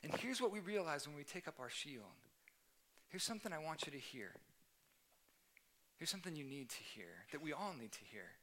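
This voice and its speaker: A man's voice: a little high, big pitch swings, a little fast, long pauses, fairly bright tone, a little hiss or hum. A young man giving an earnest sermon as youth pastor, stressing points by repeating them. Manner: earnest, emphatic, repeats key phrases. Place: church youth service.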